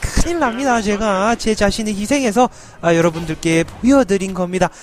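A man's voice: high voice, normal speed. A man streaming a video game, giving playful, joking commentary to viewers and yelping in panic during fights. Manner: joking, teasing, yelps repeated "no" in panic. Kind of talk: playful live gameplay commentary. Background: game music.

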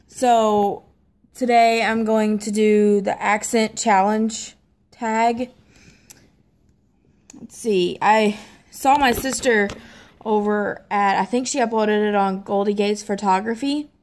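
Slow-talking young Southern American woman. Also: mid-range voice, fairly even intonation, a little mellow. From Tennessee and Mississippi, United States. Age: young adult. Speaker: amateur vlogger. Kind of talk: casual chat to camera. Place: small living room at home, seated in an armchair.

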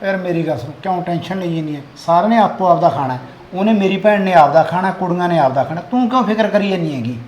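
A man's voice: high-pitched, quick pace, darkish tone, lo-fi sound, a little hiss or hum, lightly acted. A man playing a nagging farmer father. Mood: soothing. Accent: Punjabi. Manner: scolding, nagging. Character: grumbling village farmer father, impatient. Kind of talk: village drama acting.

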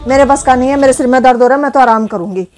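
An actress playing a blunt, snappish young daughter-in-law in a family drama who later turns self-reproaching. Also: female voice, mid-range voice, steady tone, moderate pace, dark tone, dry recording, soft background music, lightly acted. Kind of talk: Hindi family drama acting.

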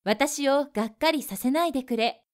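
A woman reading translations of lesson sentences in a brisk, neat manner. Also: sits high. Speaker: translation reader.

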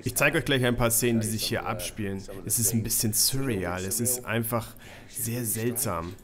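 A man's voice: fairly low pitch, normal speed, a crowd in the background. A man in his thirties narrating a carp fishing travel vlog, speaking with enthusiasm and exclaiming over big fish. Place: outdoors by a lake.

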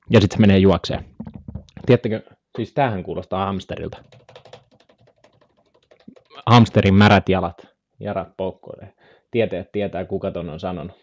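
Low-voiced joking young streamer. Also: male voice, a little mellow, dull audio. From Finland. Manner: joking, rambling, imitates animal sounds. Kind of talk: casual live-stream chat.

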